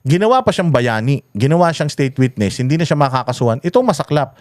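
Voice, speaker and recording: A man's voice: medium pitch, animated, fast talker, dry recording, clean studio sound. A man with a Filipino accent delivering heated, profane political commentary straight to his viewers. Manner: angry, profane, addresses viewers as bossing.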